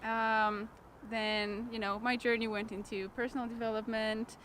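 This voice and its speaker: A woman's voice: a little high, flat delivery, normal speed, a bit bright, a little hiss or hum. A young woman from Romania, English as her second language, speaking as a guest in a casual interview and laughing often. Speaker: guest, writing coach and author.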